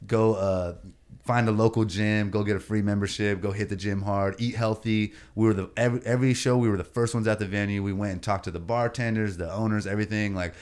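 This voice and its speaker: A man's voice: lowish voice, fairly even intonation, fairly quick, a little mellow. A man talking as a podcast guest, a comedian telling stories in a laid-back, slangy way and leaning on "you know what I mean" and "bro" as he goes. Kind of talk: casual storytelling chat.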